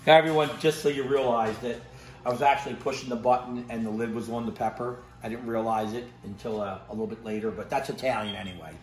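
This casual cooking vlog features a man in his fifties talking fast in a medium-pitched, fairly even voice, captured on a low-quality handheld phone recording. Cooking indoors at home and then grilling on an outdoor deck, he raves about fresh ingredients, tastes and sniffs the food, and keeps repeating his catchphrases.

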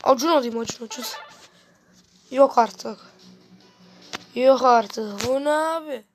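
A woman commenting live on her gameplay as a gaming channel host, excitable and frustrated, swearing constantly at the game. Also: sits high, takes it slowly, faint music behind.

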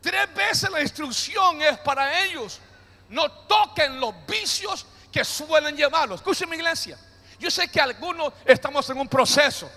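A man with a very high, sharp-toned voice and lively intonation preaches at a measured pace in a church hall with long reverb. As pastor, he mixes playful jokes into the sermon and calls the congregation to repeat after him.

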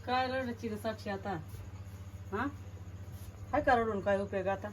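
A middle-aged woman, consoling and gently scolding in a casual family vlog. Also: medium pitch, steady tone, moderate pace, a little hiss or hum. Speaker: mother in the family.

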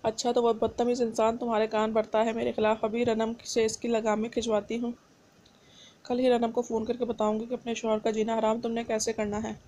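A woman's voice: fairly high pitch, completely flat delivery, a little fast, mellow, lightly acted. A woman reading as a cheeky young wife. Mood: stubborn.

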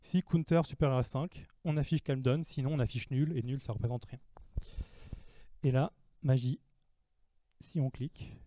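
A man's voice: medium pitch, steady tone, moderate pace, long pauses, warm tone, no room sound. A man giving a technical talk at a developer meetup, explaining code step by step and answering his own questions. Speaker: conference speaker. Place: meetup room before an audience.

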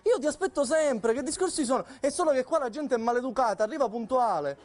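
A man's voice: very high voice, expressive, fast, a little mellow, slight background noise. A Sicilian man in his thirties on a theatre stage, doing a comic one-sided phone call in an anxious, placating manner. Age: 30s. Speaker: comedian.

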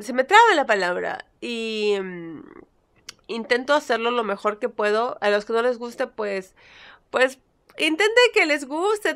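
A young woman from Peru talks straight to camera in a playful, chatty way, her Spanish carrying a Peruvian accent with a few Mexican touches. Her voice sits a little high and sounds smooth and clear. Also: fairly bright tone. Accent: Peruvian Spanish with some Mexican touches. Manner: chatty, playful, answering critics with mock sweetness. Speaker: vlogger. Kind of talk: casual chat to camera.

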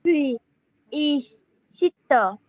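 High, very slow student voice on a call. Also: female voice, expressive, no echo. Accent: Vietnamese. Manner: slow, careful, answers in short words. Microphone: video call. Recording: dry, dull lo-fi call audio.

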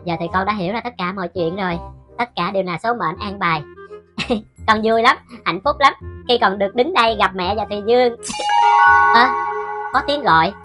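A woman's voice: mid-range voice, moderate pace, long pauses, music in the background, close to an everyday voice. A woman voicing the ghost of a wronged teenage twin girl, speaking in a tearful, pleading way. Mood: calm, resigned. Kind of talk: web series drama acting.

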